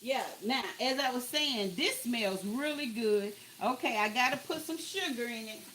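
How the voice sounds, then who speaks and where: Cooking in her own kitchen, a vlogger keeps up friendly chatter with "y'all" watching and raves about what she's making. Her pitch is fairly high and her tone fairly bright, at an ordinary pace, over a slight hiss or hum.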